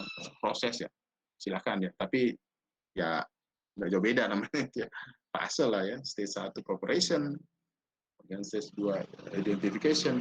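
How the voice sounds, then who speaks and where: A man's voice: medium pitch, slightly rough, muffled recording. A man with a slight tinge giving a casual online university lecture, chatty and teasing, often quizzing his students.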